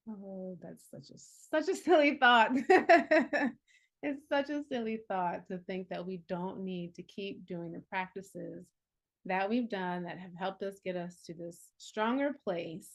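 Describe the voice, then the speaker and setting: An herbalist and healing coach in her forties talks slowly in a mid-range voice. The conversation is casual and reflective, sincere in spirit, with frequent laughter and lots of filler words.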